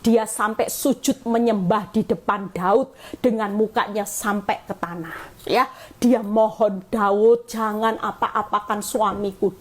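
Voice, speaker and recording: A woman evangelist preaching a sermon live online, speaking fervently, mixing personal testimony with scripture and repeating phrases for emphasis. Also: mid-range voice. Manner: fervent preaching, often addressing listeners as "saudara".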